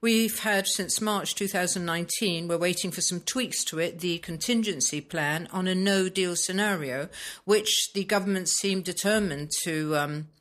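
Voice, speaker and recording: Hesitant woman with a lowish voice. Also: normal speed, fairly bright tone. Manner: hesitant, searching for words with many ums. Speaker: expat blogger discussing Brexit. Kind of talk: casual conversation. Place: Spain.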